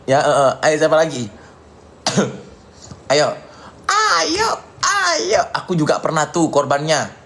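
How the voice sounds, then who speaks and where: In a somewhat high voice, a man from Indonesia rages on a live stream, repeating taunts and insults aimed at someone while responding to comments. His speech is full of repetition, with "ya" filling the pauses.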